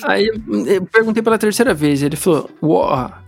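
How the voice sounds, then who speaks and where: A Brazilian man with a Brazilian accent in casual podcast chat, telling stories in a slangy, animated way. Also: high-pitched, brisk, vocal fry, breathy edge, faint music behind.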